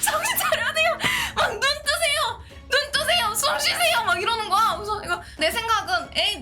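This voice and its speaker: High, bright, animated young woman storyteller. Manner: lively, laughing, acts out other people's lines. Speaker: virtual streamer and illustrator.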